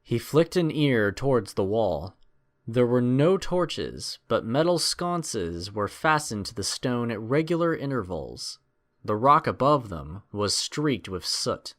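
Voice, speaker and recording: A male narrator reads an adventure story aloud in a dramatic, scripted style and at a slow pace. His medium-pitched voice rises and falls with lively intonation.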